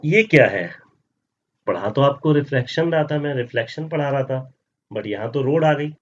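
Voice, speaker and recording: A man's voice: medium pitch, a little fast, darkish tone. A male science teacher explaining a lesson, often asking questions and answering them himself and calling students "beta". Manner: mixes Hindi with English terms. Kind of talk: classroom lesson explaining over slides. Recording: slightly dull audio.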